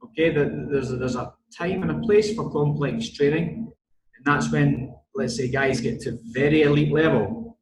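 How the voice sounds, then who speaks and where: Speaking with a broad Scottish accent, this man gives a strength and conditioning talk online, measured in delivery and prone to repeating words for emphasis. His voice is fairly high, and the audio is reverberant and very noisy.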